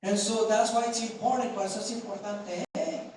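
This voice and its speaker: A pastor preaching a bilingual sermon, saying each phrase in English and then again in Spanish, with deliberate, emphatic repetition. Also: mid-range voice, steady tone, darkish tone. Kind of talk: bilingual sermon, self-translating. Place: church sanctuary. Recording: very echoey church hall, mic far off, faint room noise.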